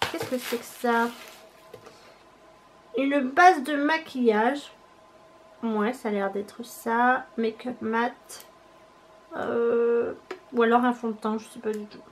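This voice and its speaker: A woman's voice: a little high, slow pace, long pauses, a little hiss or hum. A young woman chatting casually as she unboxes a parcel on her vlog, thinking aloud and hesitating often. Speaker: beauty vlogger.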